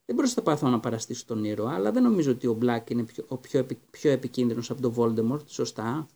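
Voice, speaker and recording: A stubborn, candid teenage boy wizard from a storybook, voiced a little above the reader's own tone, as a man reads him. He speaks quickly and defensively, with a mellow, dark timbre. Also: mid-range voice, expressive, gravelly. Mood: earnest.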